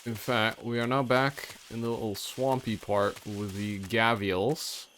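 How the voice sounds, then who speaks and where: A man's voice: fairly low pitch, flat delivery, unhurried, a bit bright, a little hiss or hum. A man giving casual, rambling, easygoing commentary as he plays a video game. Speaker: let's player.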